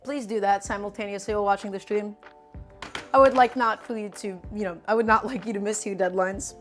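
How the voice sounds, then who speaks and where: Working through a recipe in her home kitchen on a live stream, this Russian-speaking woman chats away and answers viewers' messages while cooking. She speaks briskly in a steady, mid-range voice over soft background music.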